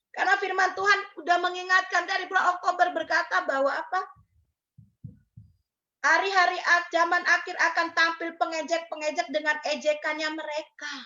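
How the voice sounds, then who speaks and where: A woman's voice: very high-pitched, sharp tone, dull audio. A middle-aged woman preacher giving an emphatic sermon, asking rhetorical questions and mixing in English phrases.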